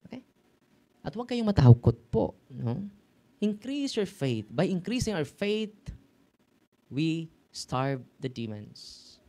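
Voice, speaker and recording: Chatty Filipino priest preaching. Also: male voice, a little high, big pitch swings, slow pace, long pauses. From Philippines. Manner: chatty, tag questions, mixes languages, sudden loud exclamations. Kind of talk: informal sermon to a live audience.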